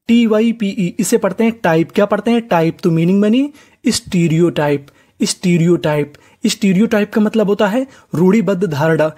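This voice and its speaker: Patient man teaching English spelling, mellow voice. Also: high voice. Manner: patient, repeats each syllable and asks the class to answer. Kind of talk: step-by-step spelling lesson.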